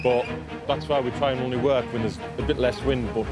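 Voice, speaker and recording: A man's voice: medium pitch, fairly even intonation, fairly quick. A man working as a railway engineer, casually explaining the job on site outdoors. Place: outdoors on a bridge work site. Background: prominent music, outdoor traffic sounds.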